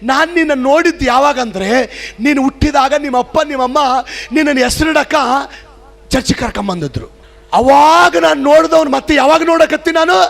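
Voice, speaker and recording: A man's voice: extremely high pitch, brisk, creaky, a bit bright, voice pushed up, exaggerated voice. A man voicing an old pastor who weeps at a wedding, speaking in a mournful, wry way. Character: old weeping pastor telling a wry joke.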